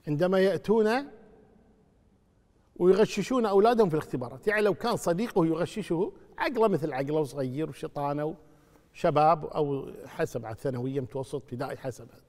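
High-voiced preacher. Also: male voice, fast. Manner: animated preaching, rising to loud rebuke. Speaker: Islamic scholar answering questions. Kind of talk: religious question-and-answer lesson. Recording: long hall reverb.

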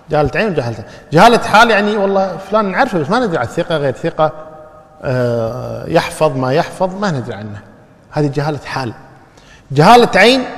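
A male teacher giving a classroom lecture, quizzing his students with questions and repeating key terms. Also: fairly high pitch. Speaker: teacher of hadith studies. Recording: long hall reverb.

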